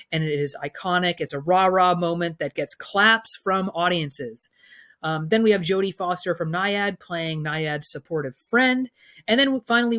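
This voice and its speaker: A man runs through his film award picks in a relaxed, chatty vlog. He is opinionated and enthusiastic, and his talk is loose and filled with ums and uhs. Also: fairly high pitch. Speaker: film commentator.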